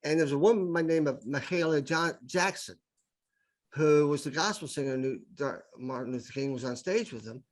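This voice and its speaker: A middle-aged man, guesting on a podcast and speaking improv-style, tells casual stories with real enthusiasm. His voice sits on the high side and moves briskly, and he often repeats words as he builds toward his point.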